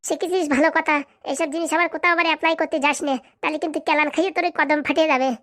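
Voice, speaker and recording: A woman voicing a bossy, sharp-tongued cartoon wife who scolds and insults her husband. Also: high voice, fairly even intonation, racing. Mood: scolding. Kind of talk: comic cartoon dubbing.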